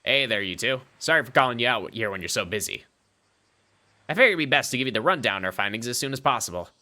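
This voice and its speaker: A streamer voices a somewhat nerdy police detective, chatty and friendly. His tone is sharp and bright, and it bounces lively up and down as he talks quickly. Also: medium pitch. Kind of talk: game voice-over by a streamer.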